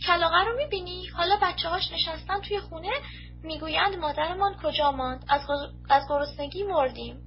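Woman doing a kind-hearted traveler, tender, pleading, high voice, muffled lo-fi sound. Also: soft background music. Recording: muffled lo-fi recording.

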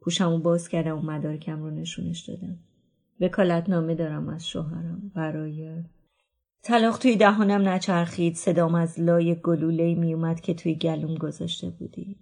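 A woman reads a novel aloud in the first person, quiet and inward. Her voice sits low with a gravelly, husky grain. She often softens almost to a whisper. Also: level tone. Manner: quiet, introspective, drops to whispers. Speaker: book reader. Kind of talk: first-person literary narration.

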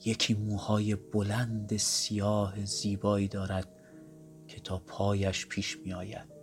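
A man narrating the stage directions of an audio drama in a calm, measured way. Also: fairly low pitch, soft background music.

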